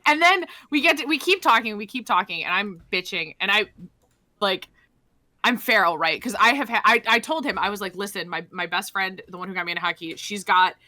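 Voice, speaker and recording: A woman's voice: medium pitch, a little fast. A young woman co-hosting a casual podcast, rambling through stories with lots of fillers and restarts. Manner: rambling, filler-heavy, animated storytelling. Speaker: podcast co-host. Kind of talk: casual chat.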